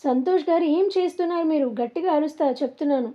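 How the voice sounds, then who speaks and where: A woman's voice: high voice, fast talker, natural voice. A woman voicing a frightened but firm young married woman who speaks sharply and seriously with a raised voice. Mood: alarmed. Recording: dull lo-fi recording.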